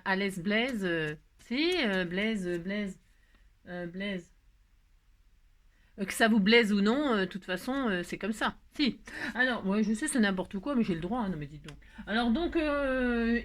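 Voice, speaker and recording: A woman's voice: on the high side, fairly bright tone. A woman chatting casually to her viewers, rambling and joking with many fillers. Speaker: crafting vlogger.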